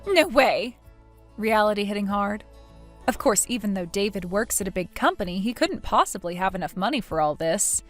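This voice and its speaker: A woman narrating a read-aloud text story in a plain, even storytelling way. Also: medium pitch, fairly quick, faint music behind.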